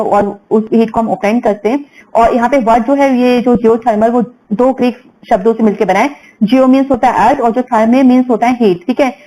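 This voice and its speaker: A woman's voice: on the high side, dark tone, rough recording. A young woman teaching an exam-focused lesson, explaining step by step with English terms mixed into Hindi and frequent check-ins with her students.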